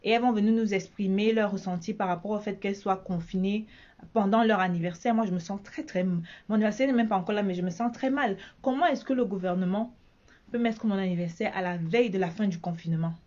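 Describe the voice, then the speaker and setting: A woman's voice: mid-range voice, quick pace, darkish tone, highs cut off. A woman from Cameroon with a Cameroonian French accent, chatting casually in a vlog as a bridal shop owner, repeating herself often.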